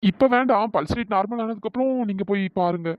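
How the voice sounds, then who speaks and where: A woman voicing a calm, reassuring hospital doctor in a cartoon story. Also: mid-range voice, fast, no echo, muffled recording, close to an everyday voice.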